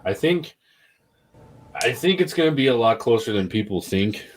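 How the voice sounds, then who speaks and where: A man's voice: mid-range voice, animated, normal speed, poor audio. A man co-hosting a casual sports podcast, running through his team's moves with lots of hesitant fillers. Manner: hesitant, filler-heavy listing. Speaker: podcast co-host, team fan.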